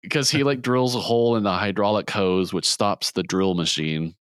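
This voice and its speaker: Very deep, smooth-voiced man recapping. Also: no room sound, studio quality. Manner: rambling plot retelling with quick voiced quotes and laughs. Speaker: podcast host. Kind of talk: casual movie recap chat.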